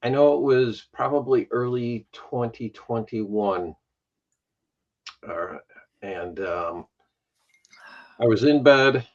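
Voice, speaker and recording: A man's voice: medium pitch, slow pace, long pauses. A man with a Chicago accent telling, in casual livestream chat, how he started his vinyl channel, self-deprecating and laughing at himself. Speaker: YouTube vinyl channel host, guest. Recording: dull lo-fi stream audio.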